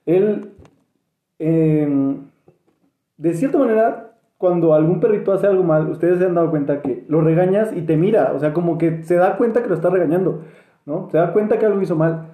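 A man's voice: a little high, normal speed, dark tone, echoey room. A man with a Mexican accent, musing in a casual podcast chat, hedging with many fillers. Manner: hesitant and reflective, many fillers and restarts. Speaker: podcast co-host.

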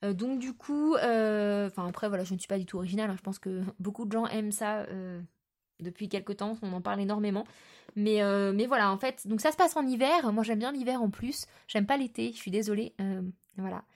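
A woman's voice: medium pitch, a little fast. A woman chatting casually about books she has read and plans to read, with many fillers and restarts. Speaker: book vlogger. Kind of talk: casual book chat.

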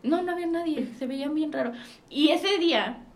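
A Mexican woman hosts a casual podcast and tells her stories vividly, slipping into the voices of the people in them. Her voice is fairly high and her delivery is slangy and lively. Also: brisk. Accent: Mexican Spanish. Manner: expressive, slangy, acts out dialogue. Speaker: podcast host.

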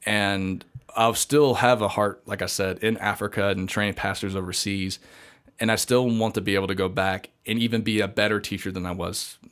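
A young man with a slightly low voice talks on a podcast, rambling through restarts, fillers and frequent laughs. He sounds relaxed and conversational. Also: moderate pace. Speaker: podcast guest, seminary student.

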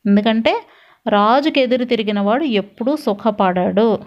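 Domineering demon king, read by a woman storyteller, threatening, scolding, fairly high voice, dull lo-fi sound. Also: normal speed, lightly acted. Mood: commanding. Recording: dull lo-fi recording.

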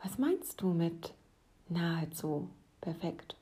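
An anxious young monk, given voice by a woman telling the story stammers and pleads with his master. His begging is earnest and urgent, yet the delivery stays slow, as in a storybook read aloud. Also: mid-range voice, darkish tone, breathy edge.

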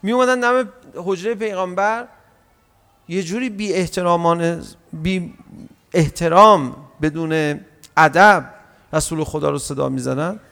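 Male religious lecturer, sermon; gravelly voice, animated delivery with drawn-out chanted verses. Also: fairly high pitch, big-room sound. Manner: lively, acts out quoted speech.

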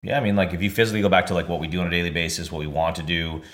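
A man in his forties with a very deep voice that still sounds forceful and bright. He rambles in a relaxed way while co-hosting a podcast with his wife, often restarting his sentences. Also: very fast. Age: 40s. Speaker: podcast co-host, DJ. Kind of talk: casual chat.

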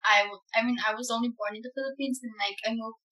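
A woman's voice: on the high side, steady tone, fast talker, pushed and bright, poor audio. A young woman from Papua New Guinea hosting a casual podcast chat over a video call, giggling often. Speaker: podcast host.

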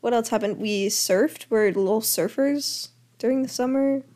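A woman's voice: on the high side, moderate pace, dark tone. A teenage girl co-hosting a casual family podcast from a home studio, chatty and giggly, rambling through recaps. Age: teens. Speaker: podcast co-host, daughter. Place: home room turned audio studio.

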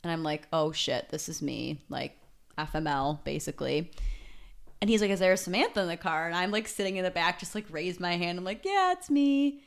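A young woman co-hosting a podcast, telling a story in casual chat, lively and full of "like"s as she acts out what people said. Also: on the low side, fairly quick, vocal fry. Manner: animated storytelling with many "like"s and acted-out quotes. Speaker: podcast co-host.

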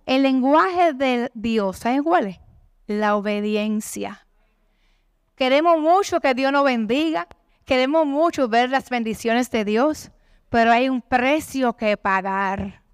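Middle-aged woman, testimony speaker, high smooth voice, fervent delivery. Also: slow pace, no echo, clean studio sound. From Dominican Republic. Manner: impassioned, animated preaching with quoted prayers. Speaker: conference speaker giving testimony. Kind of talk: church testimony.

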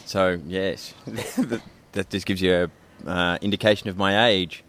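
A man's voice: low voice, fairly even intonation, unhurried, a bit bright, slight background noise. A man with a broad Australian accent, chatting casually as a podcast guest. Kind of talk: casual chat.

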